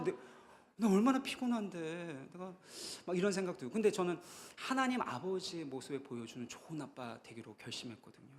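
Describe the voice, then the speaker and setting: A man's voice: on the high side, a bit bright. A man in his thirties, a pastor, giving a conversational sermon at a church retreat, rising into emphatic bursts.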